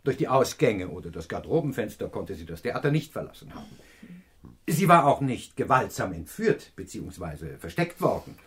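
An actor playing a pompous, self-assured professor and amateur detective in a radio crime drama, lecturing in a pedantic manner. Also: male voice, lowish voice, big pitch swings, moderate pace, a bit bright.

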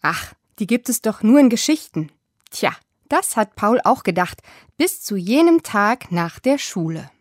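A woman's voice: medium pitch, sing-song, measured pace, no room sound, studio quality. A woman presenting a children's story show in a friendly, storytelling manner. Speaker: narrator. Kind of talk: scripted narration for children.

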